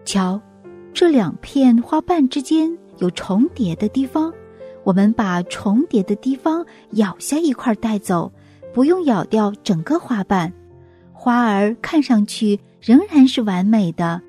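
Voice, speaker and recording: A woman's voice: a little high, expressive, unhurried, faint music behind. A woman voicing a careful, clever little ladybug in a storybook tale, eagerly explaining an idea. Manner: bright, explaining.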